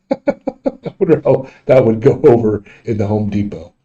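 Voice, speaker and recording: Muffled, very dark-voiced man hosting a livestream. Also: on the low side, big pitch swings. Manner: halting, repetitive. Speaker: livestream host. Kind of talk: casual unscripted livestream chat. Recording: dull, muffled lo-fi audio.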